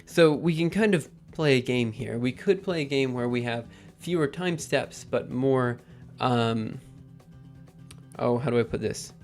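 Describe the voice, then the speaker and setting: A man hosting a live coding stream, thinking aloud in a halting, casual way with many ums. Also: mid-range voice, soft background music. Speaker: livestream host.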